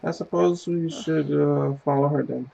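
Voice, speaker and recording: With a fairly high, gravelly yet warm voice, a man from Puerto Rico in his 30s talks at a measured pace and steady tone while streaming a game. He is relaxed and profane, laughing readily during casual chat, and the audio is dull, with faint game music in the background.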